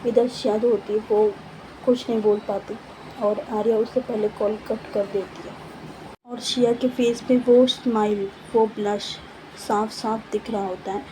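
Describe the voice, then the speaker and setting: A woman's voice: medium pitch, fairly even intonation, a little slow, warm tone, a little hiss or hum, poor audio. A woman casually narrating a love story, chatty and repetitive, mixing in English words and fillers.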